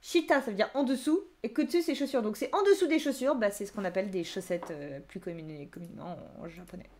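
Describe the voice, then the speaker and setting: Speaking fast in a medium-pitched voice, a young woman teaches Japanese vocabulary on a live stream. She's lively, reading viewers' chat answers aloud and reacting with frequent laughter.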